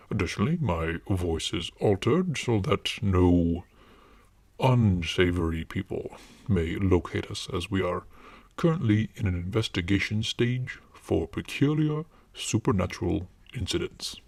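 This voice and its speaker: A man playing a stern, secretive paranormal investigator and mentor in an audio drama, speaking formally and commandingly in a disguised, altered deep voice. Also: animated, measured pace, a little mellow, no echo, exaggerated voice.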